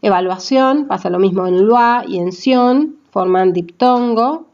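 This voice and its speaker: A woman teaching a grammar lesson at a slow, measured pace. She breaks words into letters and syllables and often checks that her listeners follow. The recording sounds dull and a little lo-fi. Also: mid-range voice, lively intonation, darkish tone. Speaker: language teacher. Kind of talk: classroom grammar explanation.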